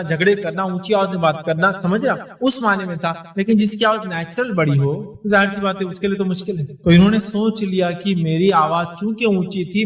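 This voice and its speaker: Male preacher with a high voice, storytelling sermon, echoey and distant. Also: fairly bright tone. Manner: storytelling, acts out quoted voices. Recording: echoey room, heard from a distance.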